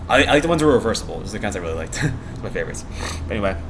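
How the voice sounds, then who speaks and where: Young American male vlogger, rapid meandering chatter, giggly and casual, faint noise behind the voice. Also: on the low side, sing-song. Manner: meandering, giggly, trails off mid-thought. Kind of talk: casual rambling vlog chat.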